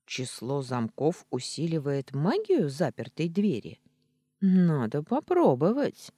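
An audiobook reader voicing a big, belligerent talking tomcat who shouts threats and whines when trapped. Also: mid-range voice, huge pitch swings, slow pace, slightly rough, dry recording, heavily acted. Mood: whining. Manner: loud blustering threats and complaints. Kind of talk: audiobook reading.

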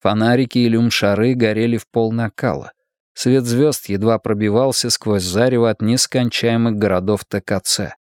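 A man's voice: lowish voice, fairly even intonation, normal speed, darkish tone, no room sound, studio quality. A man reading a novel aloud as the first-person narrator, telling the story expressively. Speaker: audiobook narrator.

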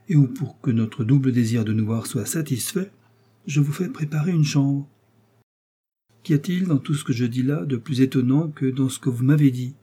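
A cold, sardonic English nobleman, read by a man in a mellow, husky voice. He needles and threatens with unhurried, icy courtesy. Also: medium pitch, natural voice. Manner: sardonic, coolly menacing. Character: cold, mocking English lord, middle-aged.

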